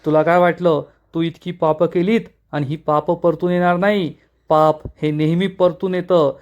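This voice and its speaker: A man voicing the vengeful ghost of a murdered woman in a retold serial scene, speaking in a slow, accusing, threatening way. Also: on the high side, level tone, clear, resonant tone, dull audio, lightly acted.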